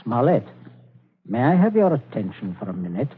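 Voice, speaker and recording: In a 1940s radio drama style, an actor plays a middle-aged father who seems genial but is coldly calculating and menacing. His medium-pitched voice is very animated and slightly rough, deliberate, stammering when flustered, on a noisy, tinny 1940s radio recording.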